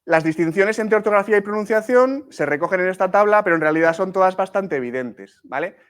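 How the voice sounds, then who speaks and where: A man's voice: high voice, animated, quick pace, clean tone. A man from leading a live writing workshop, explaining step by step, with many restarts and frequent "¿sí?" and "¿vale?" checks to the class. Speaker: workshop teacher.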